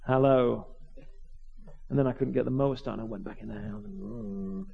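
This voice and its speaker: A man, a vicar, preaching by telling a lively personal story, acting out the voices of the people in it and often restarting his words. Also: medium pitch, vocal fry, breathy edge, narrow, tinny audio. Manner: animated, acts out voices, quick restarts. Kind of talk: storytelling sermon.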